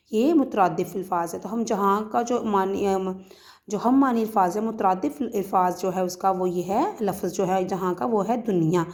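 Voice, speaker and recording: A woman's voice: medium pitch, darkish tone. Lady teacher from pakistan walking kids through a lesson, patient, lots of ums and restarts. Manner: patient explaining with frequent fillers and restarts, recites poetry in a measured lilt. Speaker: school teacher. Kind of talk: recorded Urdu grammar lesson for children.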